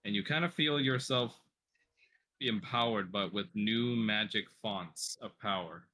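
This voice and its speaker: A man narrating a tabletop role-playing game as game master, in measured, dramatic phrases with pauses. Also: lowish voice, sharp tone.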